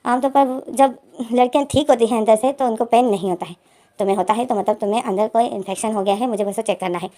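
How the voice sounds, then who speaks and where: A woman's voice: fairly high pitch, quick pace, warm tone, pitched below the performer's own voice, close to an everyday voice. A woman voicing a stern, insistent female doctor in a told story, firm and lecturing. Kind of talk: storytelling with acted dialogue.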